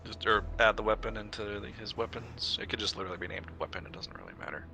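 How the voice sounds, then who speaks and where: A man's voice: lowish voice, fairly even intonation, quick pace, bright, forceful tone, a little hiss or hum. A man chatting casually as a player in a tabletop game, explaining the rules and chuckling often.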